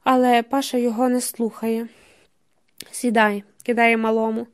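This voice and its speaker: A woman narrates an audiobook in a steady, measured storytelling manner. Her voice sits fairly high.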